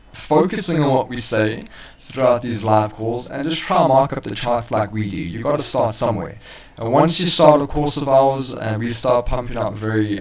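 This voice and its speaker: With a medium-pitched, slightly mellow voice, a trading co-host walks his live stream audience through chart analysis. His manner is casual and relaxed, he addresses listeners as "bro," and the roomy sound suggests he sits well back from the mic.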